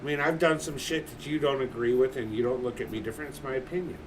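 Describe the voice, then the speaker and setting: A man's voice: mid-range voice, fast talker. A man in his forties, a livestream host, chatting casually in a blunt, swearing manner. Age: 40s. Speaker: streamer. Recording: distant mic with background noise.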